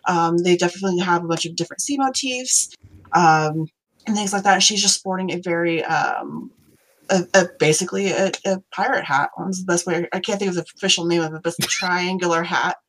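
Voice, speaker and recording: A woman's voice: lowish voice, a little fast, a bit bright, a little hiss or hum, rough recording. A woman running a tabletop game as game master, narrating in a rambling, hesitant way full of fillers.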